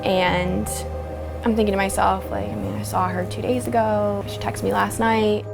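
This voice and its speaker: A young woman in a documentary interview, talking softly and haltingly with frequent fillers, music under her voice. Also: medium pitch, level tone, creaky. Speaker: interviewee, daughter of a victim.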